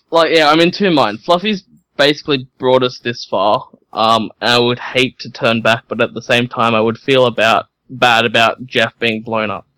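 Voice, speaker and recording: A man's voice: medium pitch, fairly even intonation, a little slow, sharp tone, clear, resonant tone, no room sound. A man playing a tabletop game, joking and rambling with the other players.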